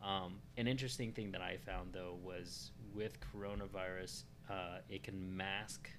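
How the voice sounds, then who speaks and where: A man chatting casually as a co-host, pausing often with ums and uhs. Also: low voice, steady tone. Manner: hesitant, fills pauses with um and uh. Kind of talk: casual conversation. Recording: noticeable background noise.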